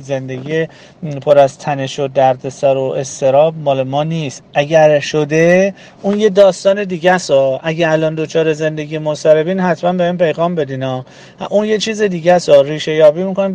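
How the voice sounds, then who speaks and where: Guy preaching to a group, earnest, lists things off one by one, slightly high voice. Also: fairly even intonation, warm tone. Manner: earnest, rhythmic lists with pauses. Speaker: religious speaker. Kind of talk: sermon-like talk to a group.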